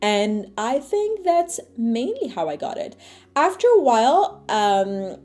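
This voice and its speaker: A young woman whose first language is Arabic vlogs to camera in a chatty, animated way, filling her talk with fillers and asides. Her voice is on the high side and slow, with faint music underneath.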